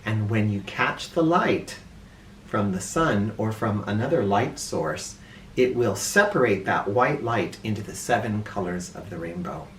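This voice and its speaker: A man reads a children's storybook aloud in a roomy, echoing space, some distance from the microphone, with slight background noise. He is theatrical and animated, swinging widely in pitch and stretching out key words for emphasis.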